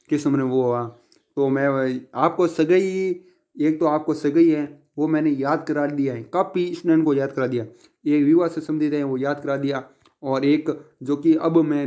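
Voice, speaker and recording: A man's voice: a little high, mellow. A man teaching exam questions, often asking a question and answering it himself. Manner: repetitive, asks and answers his own questions. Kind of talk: casual exam-prep lesson.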